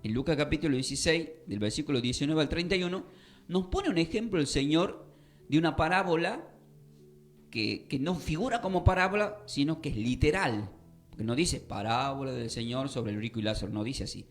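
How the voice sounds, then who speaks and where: Speaking fairly quickly with lively intonation, a man with a slightly high voice teaches a Bible class over the radio, with soft music in the background. His studio teaching is emphatic, full of questions for listeners and repeated key points.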